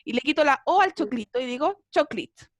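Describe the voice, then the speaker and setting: A woman's voice: high-pitched, lively intonation, fast, no echo, studio quality. A woman teaching a beginner English class over a video call, encouraging and often checking in with her students.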